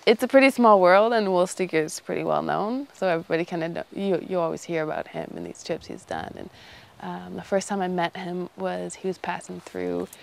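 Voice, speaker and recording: A woman's voice: lowish voice, vocal fry, a little hiss or hum. A 21-year-old woman from northern Canada with a Canadian accent, speaking informally and loosely in a casual, unscripted interview. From Iqaluit, Nunavut, northern Canada. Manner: informal, loose phrasing with frequent "you know". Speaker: interviewee, young polar expedition member.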